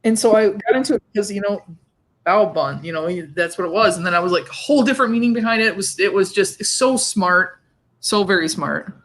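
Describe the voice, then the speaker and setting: A woman's voice: medium pitch, fairly quick, a bit bright. A woman hosting a casual livestream chat over a video call, talkative and often repeating words as she starts a thought. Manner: chatty, repeats words when starting sentences. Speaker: host.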